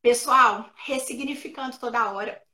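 A woman from Minas Gerais with a mineiro accent, a speech therapist giving practical advice as a guest in a remote live interview, explaining with animated examples. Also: fairly high pitch, moderate pace, low-quality recording. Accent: Minas Gerais Brazilian Portuguese. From Minas Gerais, Brazil. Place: remote live video session.

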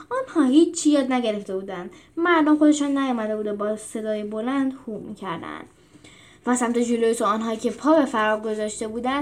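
A woman hosting a show, reading a storybook aloud in a steady narrating voice. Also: a little high. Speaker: storyteller and host.

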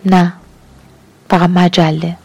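A woman's voice: fairly low pitch, little pitch movement, vocal fry, darkish tone, husky. A woman narrator voicing a tired, fearful man who answers in short, subdued replies.

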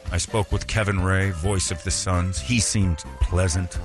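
A man's voice: deep voice, steady tone, measured pace. A man playing a pompous, giggly, self-important boss in comedic radio banter. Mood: smug. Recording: music and crowd noise behind.

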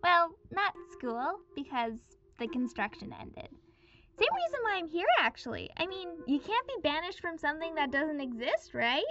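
A woman's voice: sits high, very animated, moderate pace, fairly bright tone, full character voice. Woman voicing a smug inhuman cult leader on cassette tape. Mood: gleeful smug. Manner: chirpy, mock-sweet, sarcastic asides. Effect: played from a cassette tape. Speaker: stand-in valedictorian. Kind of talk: fan audio drama acting. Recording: dull lo-fi tape with faint music.

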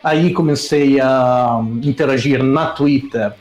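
A man's voice: mid-range voice, fairly even intonation, takes it slowly, a little mellow, echoey room. A man from Italy with an Italian accent, telling stories casually in an interview and often restarting his sentences. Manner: rambling, self-correcting storyteller. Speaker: streamer guest.

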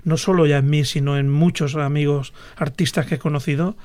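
A man's voice: a little high, steady tone, brisk, a little mellow. A man, an artist and guest on a radio panel, speaking reflectively and often ending with tag questions.

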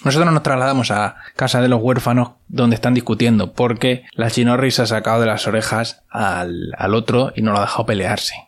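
A man's voice: medium pitch, a little fast, few pauses. A man with a Spain Spanish accent, chattily recapping a series episode with crude slang and asides. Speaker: series reviewer.

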